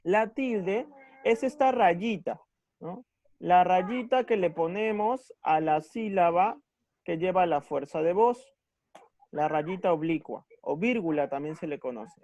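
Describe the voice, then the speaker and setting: A man teaching a recorded grammar lesson, patient, slowly stressing syllables and checking in with his students after each point. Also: high voice, a little mellow, no room sound, lo-fi sound.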